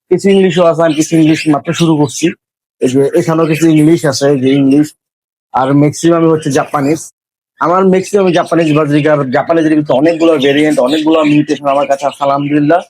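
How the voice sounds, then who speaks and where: A young man from Bangladesh hosts his own bird-keeping vlog. He talks quickly in a fairly high voice, friendly and explanatory, as he shows his viewers around his cages. The sound is dry and close. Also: a little mellow, no room sound, rough recording. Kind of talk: casual vlog talk to viewers.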